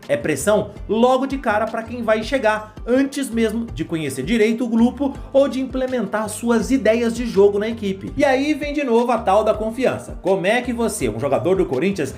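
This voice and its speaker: A woman's voice: mid-range voice, a little mellow. A woman giving scripted football commentary, talking straight to the viewer in a conversational way. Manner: conversational, addresses viewer directly. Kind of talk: scripted sports commentary voice-over.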